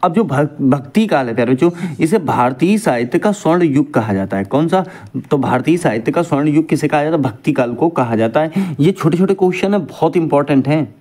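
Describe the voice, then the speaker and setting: Lively Hindi exam-prep teacher, man. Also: on the high side, brisk. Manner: repeats each point as a question to students; calls students "dear children".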